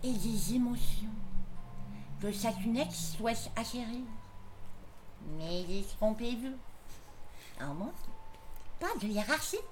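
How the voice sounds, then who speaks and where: A woman's voice: fairly high pitch, animated, slow, pauses often. A woman voicing a coaxing, seductive talking room. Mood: proud. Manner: coaxing, sultry. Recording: noisy background.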